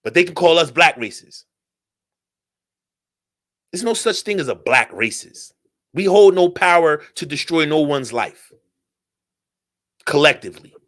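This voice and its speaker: A man hosting a solo talk radio show, ranting in a profane, animated way and firing off rhetorical questions. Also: a little high, measured pace, long pauses.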